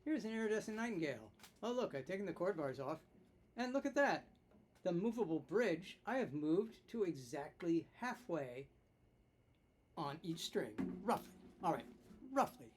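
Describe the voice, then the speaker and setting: A man's voice: high voice, big pitch swings, moderate pace. A man giving a casual hands-on instrument demonstration, chatty and self-mocking, thinking aloud while he tinkers.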